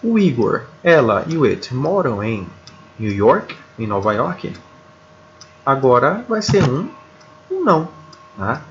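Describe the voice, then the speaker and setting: Slow, deliberate Brazilian male teacher. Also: mid-range voice, sing-song, muffled recording, a little hiss or hum. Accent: Brazilian Portuguese. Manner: slow, deliberate, repeats words, checks in with "tá?". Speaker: English teacher. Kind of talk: video lesson explaining grammar.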